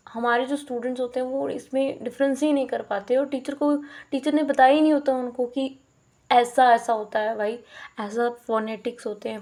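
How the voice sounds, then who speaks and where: A woman's voice: a little high, a little mellow. A young woman teacher giving an explanatory lecture, code-switching between Hindi and English and often checking in with the listener. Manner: explanatory, mixes Hindi with English phrases, frequent check-ins.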